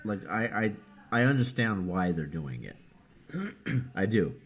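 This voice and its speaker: A man's voice: lowish voice, sing-song, slow pace, husky. A man co-hosting a casual wrestling podcast, rambling through his points and laughing at himself. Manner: rambling, laughs easily, self-mocking. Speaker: podcast co-host. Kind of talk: casual chat.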